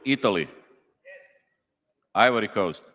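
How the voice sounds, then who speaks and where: Slow deep-voiced man calling a roll. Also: animated, fairly bright tone. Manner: slow, reads out country names one by one. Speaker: congress official calling the roll. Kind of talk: roll call at a meeting. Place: large conference hall. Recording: long hall reverb.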